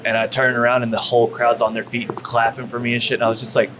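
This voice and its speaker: A man's voice: medium pitch, monotone, quick pace, crowd noise, poor audio. A man from Texas, a former pro wrestler, telling rambling, profanity-laced stories as a guest in a barbecue restaurant. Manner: profane, rambling, full of fillers. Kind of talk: casual storytelling.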